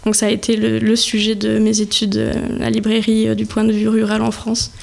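Twenty-something guest, speaks pretty flat and a bit gravelly, lots of euhs. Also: female voice, fairly high pitch. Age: 20s. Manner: measured, many hesitations. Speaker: bookshop owner, guest. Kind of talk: radio interview answers. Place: radio studio.

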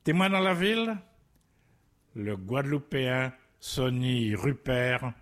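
A man presenting recordings on the radio, announcing the next piece in a measured way. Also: medium pitch, expressive, fairly bright tone. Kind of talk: announcing music tracks.

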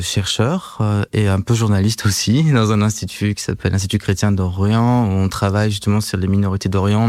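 A man's voice: lowish voice, darkish tone, no room sound, clean studio sound. A man in his thirties, born in France, speaking as a researcher guest in a podcast interview, hesitant with many fillers and restarts.

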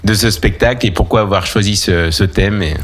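A man's voice: lowish voice, fairly quick. A man hosting a radio interview, asking long questions with many hesitations. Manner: hesitant, many fillers while forming questions. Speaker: radio host.

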